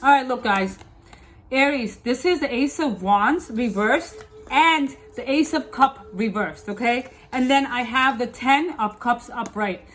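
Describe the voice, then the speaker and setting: Lisping woman reading tarot, higher voice. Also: a little slow, fairly bright tone, slight background noise. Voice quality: slight lisp from wearing clear dental aligners. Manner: emphatic and repetitive, often checking in with "okay?". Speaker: tarot reader, host. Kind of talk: tarot reading addressed to viewers.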